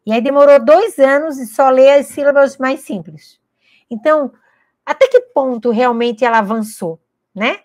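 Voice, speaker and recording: Emphatic Brazilian woman teaching, slightly high voice. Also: normal speed, a little mellow, no room sound. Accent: Brazilian Portuguese. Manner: emphatic, asks rhetorical questions and answers them. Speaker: educator. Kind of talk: explanatory teaching talk to parents and teachers.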